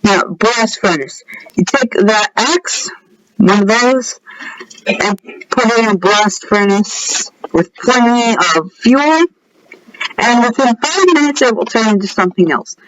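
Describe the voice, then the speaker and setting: A man's voice: sits high, a little slow, fairly bright tone, slight background noise. A man giving casual gameplay commentary on his own game mod, rambling with offhand asides and talking straight to his viewers. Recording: dull lo-fi recording.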